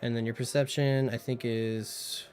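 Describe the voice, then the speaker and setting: A man's voice: mid-range voice, little pitch movement, measured pace, darkish tone. A man acting as game master, describing a scene and explaining dice rolls with many fillers. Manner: rambling, lots of fillers. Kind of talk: narrating a tabletop game over voice chat.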